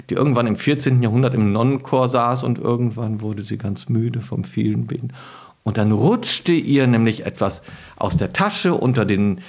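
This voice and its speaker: A man talking as a historian and author guest in an interview, explaining with lively storytelling and occasional hesitations. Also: lowish voice. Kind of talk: interview answers.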